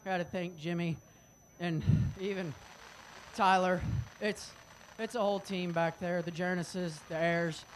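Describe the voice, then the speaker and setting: High-voiced male race driver in trackside interview. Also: fairly even intonation, measured pace. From Oklahoma, United States. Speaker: race car driver, winner being interviewed. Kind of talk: spontaneous victory lane interview. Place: outdoors on a speedway front stretch. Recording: noisy outdoor trackside sound.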